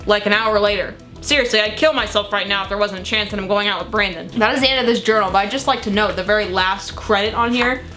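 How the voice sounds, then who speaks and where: A woman's voice: mid-range voice, fast, hardly any pauses, over music. A young woman reading old teenage diary entries aloud in a dramatic, gushing way, breaking off for casual, sweary asides. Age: young adult. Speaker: vlogger.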